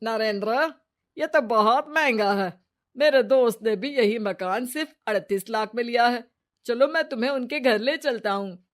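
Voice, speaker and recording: A brisk, matter-of-fact brother-in-law from a cartoon bedtime story, as a woman narrator puts him on. He sounds loud and a little off-mic, slightly raised in pitch. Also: close to an everyday voice. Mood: warning. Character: helpful brother-in-law, man.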